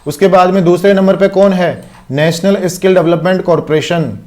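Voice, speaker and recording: A man's voice: high-pitched, steady tone, moderate pace, a little mellow. A man with an Indian accent teaching an online exam-prep lecture, explaining step by step and checking in with constant rhetorical questions.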